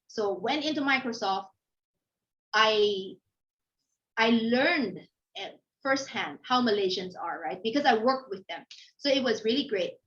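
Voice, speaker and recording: Her voice a little high, a middle-aged Filipino woman from Manila delivers a casual motivational talk as guest speaker and company founder. She animates her personal anecdotes by performing her inner thoughts and the remarks of others in a Filipino accent. The sound is dull and lo-fi.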